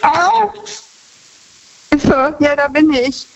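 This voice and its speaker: A woman's voice: high-pitched, lively intonation, creaky. Older woman on a dull phone line. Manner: halting, searching for words. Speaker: radio phone-in caller. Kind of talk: casual phone chat.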